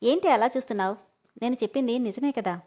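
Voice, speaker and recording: A woman's voice: a little high, quick pace, mellow, dull audio, close to an everyday voice. A woman voicing a cocky young man who teases his wife, in a storybook reading. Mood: teasing.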